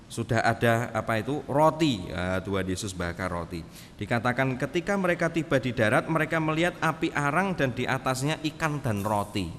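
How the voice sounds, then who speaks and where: A man preaches a sermon, telling the story animatedly and switching into character voices for the dialogue. His voice sits at an ordinary middle pitch. The recording carries a long church-hall reverb and a faint hum of room noise. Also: a bit bright. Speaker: pastor.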